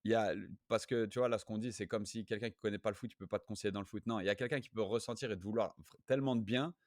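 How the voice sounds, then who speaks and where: A man's voice: lowish voice, rapid-fire, no echo, studio quality. A man co-hosting a casual podcast discussion, thinking aloud with restarts and often checking in with "you see". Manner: animated, thinks aloud with restarts and frequent "tu vois". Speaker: podcast co-host.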